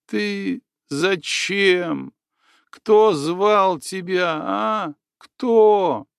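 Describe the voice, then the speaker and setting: A man's voice: a little high, lively intonation, takes it slowly, dry recording, clean studio sound. A man voicing a prickly, bitter young woman. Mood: scornful. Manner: sharp, scornful.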